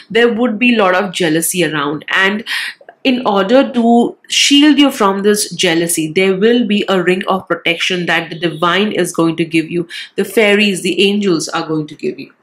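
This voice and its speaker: A woman with a cold and a nasal voice, giving a casual tarot card reading with a gentle, reassuring manner. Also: lowish voice. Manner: gentle, reassuring, frequent "wow" and "all right".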